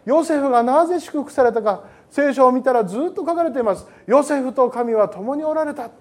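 A male pastor preaching a sermon to a congregation in a lively, joking way that often wanders off topic. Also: very high-pitched, a little fast. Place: church service with a congregation.

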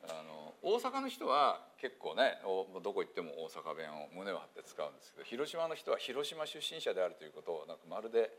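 Man, Hiroshima accent, pastor, deep voice, animated pitch, relaxed sermon chat. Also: fairly quick, hardly any pauses. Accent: Hiroshima Japanese. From Hiroshima, Japan. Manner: chatty, many fillers, lively pitch swings. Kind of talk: casual sermon talk with quiz review.

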